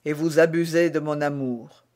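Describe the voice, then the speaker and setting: A man's voice: a little high, fairly even intonation, moderate pace, darkish tone, lightly acted. A man with a French accent voicing an eager, lovesick young swordsman in an audiobook. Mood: ardent. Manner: eager, earnest. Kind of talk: audiobook reading.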